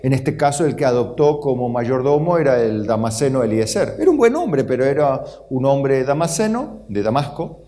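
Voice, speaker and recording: A man's voice: very animated, normal speed, hardly any pauses, warm tone. A middle-aged Argentine man preaching a sermon as pastor, acting out the voices of Bible figures. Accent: Argentine Spanish. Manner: acts out Bible figures' voices with rising pitch.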